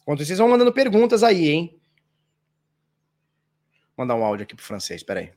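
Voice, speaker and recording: A man's voice: on the high side, huge pitch swings, brisk, a little mellow. A Brazilian man hosting a casual live stream, answering viewer questions in a loose, slangy way with swearing and restarts. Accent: Brazilian Portuguese. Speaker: crypto livestream host. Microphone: standing at a live stream mic.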